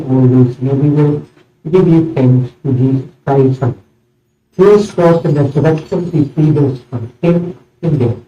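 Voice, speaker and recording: A man leading a church service as priest, reciting liturgical prayers in a measured, solemn way, with his voice ringing in a cathedral echo. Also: fairly high pitch, dark tone. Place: large church. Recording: echoey church, distant, muffled mic.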